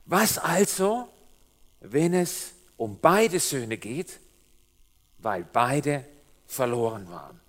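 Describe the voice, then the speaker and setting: This is a lively, funny sermon from a middle-aged guest preacher who talks directly to his congregation in a fairly high-pitched voice. He has a Swabian German accent with Swiss German influence from his years in Switzerland.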